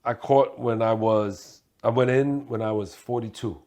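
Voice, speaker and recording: A man's voice: medium pitch, fairly even intonation, measured pace, warm tone. A man, a guest talking casually in an interview in a streetwise way, often laughing. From Hong Kong. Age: 40s. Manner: streetwise, laughs while telling stories.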